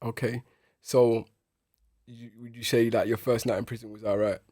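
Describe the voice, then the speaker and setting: London bloke doing podcast interview, slangy, repeats words a lot, dry sound no room on it. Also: male voice, mid-range voice, little pitch movement, moderate pace, warm tone, dry recording. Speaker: podcast host. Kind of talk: casual interview chat.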